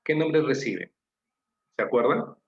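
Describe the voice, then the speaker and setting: A man's voice: medium pitch, lively intonation, a little slow, vocal fry, echoey room, lo-fi sound, slight background noise. A man with a Peruvian Spanish accent teaching an online class, patiently explaining and asking his students questions. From Peru.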